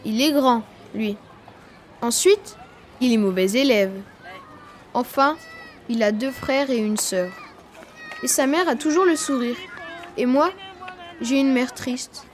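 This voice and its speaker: A woman's voice: high voice, measured pace, long pauses, slight background noise. A woman reading a children's story aloud for language learners, telling it expressively in the voice of a twelve-year-old boy. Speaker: reader.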